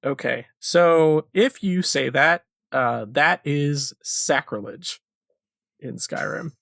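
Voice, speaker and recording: A man's voice: fairly high pitch, slow, gravelly, a bit bright, no room sound, clean studio sound. A man running a tabletop game as game master, talking casually and thinking aloud.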